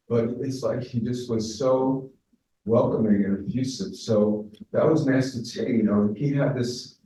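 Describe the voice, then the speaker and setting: A man, a former student, giving a spoken memorial tribute in a halting way, searching for words with many fillers. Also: medium pitch, mellow, slight background noise. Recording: very echoey, distant from mic.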